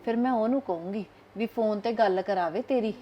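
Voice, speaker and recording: An actress playing an older grandmother who talks to her granddaughter in a warm but bossy way. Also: medium pitch, fairly quick, lo-fi sound, slight background noise, lightly acted. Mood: doting. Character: doting grandmother, protective and firm.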